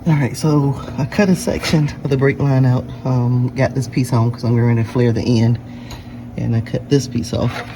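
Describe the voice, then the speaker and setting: Working on his car in a noisy workshop with vehicle-like sounds, a man narrates the repair step by step for his DIY vlog in a relaxed, plain-spoken way. His pitch is medium and his intonation fairly even, at a normal speed. There is music in the background.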